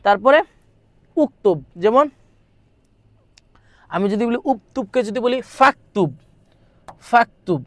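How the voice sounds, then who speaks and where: A man's voice: very high voice, animated, takes it slowly, long pauses, no echo. Guy tutoring exam grammar, reads a line then asks "what is it?" and repeats, dry close sound. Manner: reads lines aloud, translates, repeats, asks rhetorical questions. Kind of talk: recorded grammar lesson.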